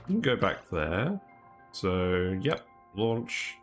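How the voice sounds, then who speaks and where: A man's voice: fairly low pitch, animated, normal speed. A man streaming a game and chatting casually, rambling and thinking aloud with fillers and little laughs. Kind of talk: casual gameplay commentary. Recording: faint background music.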